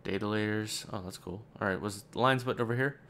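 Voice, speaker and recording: A man with a fairly low voice gives relaxed let's-play commentary while he works through a game. He thinks aloud in a loose, rambling way and drops in dry, sarcastic asides. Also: brisk, slight background noise.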